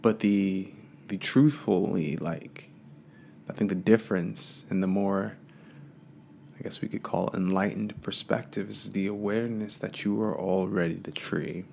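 Gravelly low-voiced man musing slowly. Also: fairly even intonation, darkish tone, a little hiss or hum. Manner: casual, meandering, with many fillers. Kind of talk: reflective spiritual talk.

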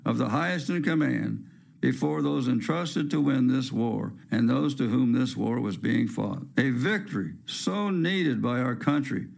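A man's voice: mid-range voice, animated, unhurried, vocal fry, darkish tone. A male radio host reading a heartfelt story aloud in an earnest manner.

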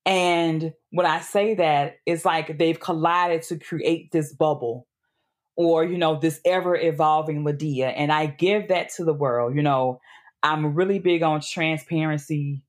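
A woman's voice: sits low, steady tone, unhurried. A woman guest speaking earnestly, building to a preacherly cadence as she talks about faith. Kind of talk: candid faith-based interview talk.

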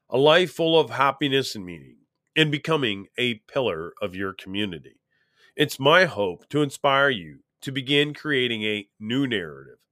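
A man's voice: medium pitch, fairly bright tone, dry recording. Earnest male podcast host, dry sound. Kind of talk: podcast interview.

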